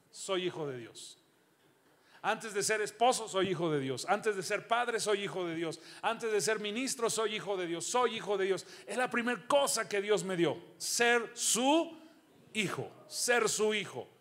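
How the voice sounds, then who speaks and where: A middle-aged man preaching a sermon in a church, throwing rhetorical questions at the congregation and swinging from loud calls to low asides. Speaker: pastor.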